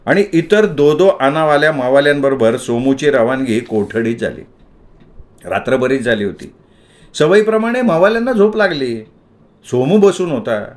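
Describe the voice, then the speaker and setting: A man narrating a story aloud in an expressive, dramatic storytelling manner. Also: mid-range voice, moderate pace.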